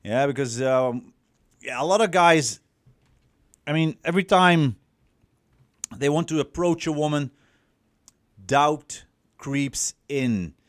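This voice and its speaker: A Dutch man from the Netherlands, a native Dutch speaker with a Dutch accent, works as a dating coach and gives a rambling, profane, casual talk on a livestream, full of fillers and restarts. His voice is a little high and slow, with long pauses, recorded in clean studio sound with no echo.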